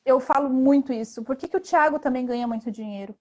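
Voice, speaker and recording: Speaking quickly in a high-pitched, slightly mellow voice, a Brazilian woman with a Brazilian Portuguese accent appears as an interview guest and investment instructor. She explains earnestly in a conversational way, tagging many phrases with a question at the end.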